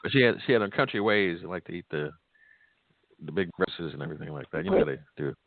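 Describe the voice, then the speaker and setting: Guy host joking around, gravelly, dry tinny phone sound, casual chat. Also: low-pitched, expressive, fast, no room sound. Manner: teasing, joking. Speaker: host, pastor and church musician. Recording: dull, narrow phone-like sound.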